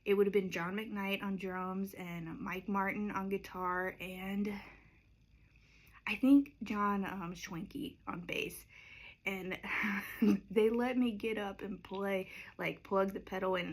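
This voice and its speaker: A woman's voice: medium pitch, steady tone, slow pace, vocal fry. A woman singer-songwriter chatting casually and unhurriedly between songs, rambling with lots of fillers. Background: acoustic guitar.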